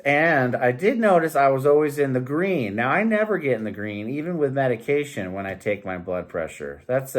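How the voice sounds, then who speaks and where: Man, health vlog host, casual delivery, mid-pitched voice, rambling, joking asides. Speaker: host of a health challenge series. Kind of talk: casual vlog reading and commenting on health benefits.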